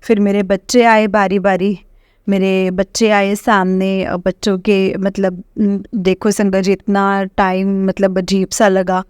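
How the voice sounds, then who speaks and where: A middle-aged woman gives a halting devotional testimony to a congregation, often pausing and addressing her listeners directly. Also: mid-range voice, little pitch movement, a little mellow, smooth, dry recording, studio quality.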